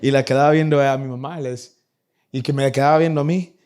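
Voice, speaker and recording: A young man preaching a sermon to his church, animated and acting out the people in his stories. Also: mid-range voice, fast, clean tone. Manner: animated, acts out nagging parents in a raised voice. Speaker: pastor. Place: church in Vancouver.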